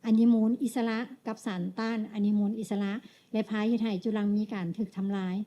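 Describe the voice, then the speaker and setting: A woman with a Lao accent interpreting a medical lecture, measured, pausing often and ending phrases with tag particles. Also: medium pitch, level tone, dark tone, lo-fi sound, slight background noise.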